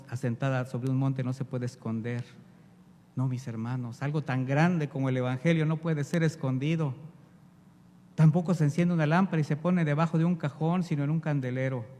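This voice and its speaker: Impassioned preacher in a reverberant hall. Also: male voice, medium pitch. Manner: impassioned, rising and falling between loud exhortation and hushed appeals. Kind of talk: sermon. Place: church hall. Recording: long reverb of a church hall.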